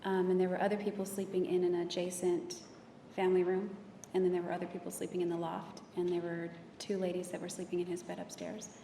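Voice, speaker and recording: A woman giving courtroom testimony, speaking softly and hesitantly from the witness stand. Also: fairly low pitch, quick pace, few pauses, a little hiss or hum. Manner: soft, flat and hesitant. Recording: distant, echoey courtroom audio with long reverb.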